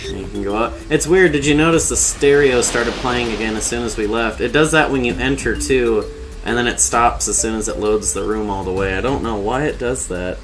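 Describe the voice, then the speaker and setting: A man's voice: mid-range voice, moderate pace. A man doing casual, informal game commentary as a streamer, explaining things with jokey asides over game music.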